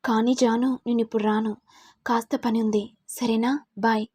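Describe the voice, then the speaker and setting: A woman voicing a heartbroken young man who speaks tearfully and haltingly. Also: a little high, level tone, a little mellow, husky, no echo, studio quality. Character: young man grieving for his love, tearful.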